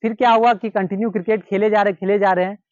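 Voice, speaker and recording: Indian guy with a high voice telling a story casually, lots of repeating, dry dull lo-fi recording. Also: steady tone, quick pace, a little mellow, no echo. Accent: Hindi-speaking Indian. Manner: repetitive, conversational retelling with quoted dialogue. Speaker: cricket storyteller.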